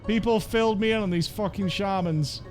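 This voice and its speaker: High-voiced man doing casual game commentary. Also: fairly quick, soft background music. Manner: informal, sweary. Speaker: gamer narrating his playthrough.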